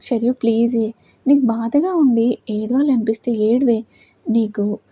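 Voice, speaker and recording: A woman's voice: a little high, a little slow, breathy edge, dull audio. A woman voicing a distraught young woman who tearfully begs her friend, in a storybook reading. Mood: pleading. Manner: tearful, pleading.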